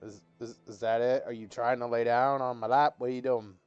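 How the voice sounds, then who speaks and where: A man's voice: mid-range voice, flat delivery, brisk, a little mellow, smooth, dry recording, highs cut off, soft background music. Profane, laid-back young male streamer. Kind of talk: casual live-stream chat while gaming.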